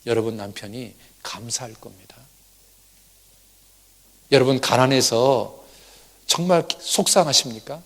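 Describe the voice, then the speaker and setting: A man's voice: medium pitch, lively intonation, measured pace, long pauses, in a large hall. A male pastor preaching emphatically, asking rhetorical questions and dropping at times to a near whisper. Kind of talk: sermon.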